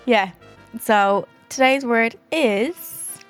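A woman's voice: fairly high pitch, very slow, faint music behind. A woman with a Dublin accent chatting casually and frankly as a podcast co-host. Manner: frank, sweary. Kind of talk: casual chat.

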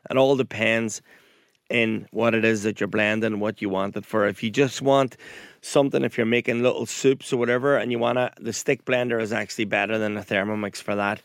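A man's voice: fairly low pitch, steady tone, brisk, dry recording. Donegal-accented Irish man, dry close sound. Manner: slangy, jokey. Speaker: podcast co-host. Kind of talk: casual banter.

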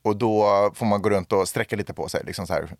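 A man's voice: fairly low pitch, no room sound, studio quality. A middle-aged man co-hosting a podcast in casual chat, joking and playing along by repeating words for laughs. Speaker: podcast co-host.

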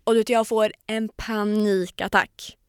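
Guesting on a podcast, a former reality contestant, a young woman, spins a lively story full of acted-out quotes and offhand swearing. Her mid-range voice stays fairly flat in pitch, and the studio recording is clean and dry.

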